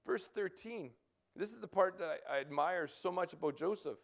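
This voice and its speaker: A man in his fifties with a Canadian accent, preaching a sermon in a halting way, repeating words and breaking into urgent calls to act. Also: sits high, creaky. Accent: Canadian English. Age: 50s. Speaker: pastor.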